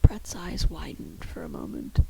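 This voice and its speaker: A woman's voice: low-pitched, huge pitch swings, a little slow, gravelly, dark tone, low-quality recording. A woman narrating a story in the first person with wry storytelling, in a whispered role-play.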